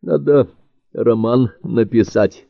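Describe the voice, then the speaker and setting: A man's voice: fairly low pitch, expressive, normal speed, dry recording, phone-quality sound. A man voicing a vain, self-assured male writer in an audiobook, speaking emphatically. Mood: eager. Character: vain, pushy middle-aged male writer.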